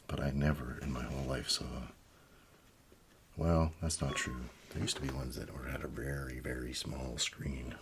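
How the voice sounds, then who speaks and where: A middle-aged man doing soft-spoken ASMR, musing aloud in a near whisper with pauses, over crinkling paper. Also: a bass voice. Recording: steady noise, paper crinkling and clicks. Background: newspaper crinkling and page turning.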